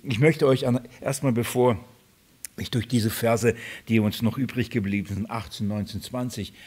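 A man preaching a sermon to his congregation, speaking in a halting way with repeated words and frequent fillers. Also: mid-range voice, steady tone, darkish tone, breathy edge. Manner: addresses congregation directly.

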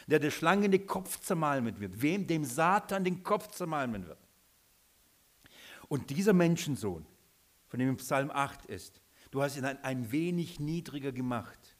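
A man's voice: medium pitch, fairly bright tone. A man preaching a sermon, emphatic, repeating his points and asking the listeners questions.

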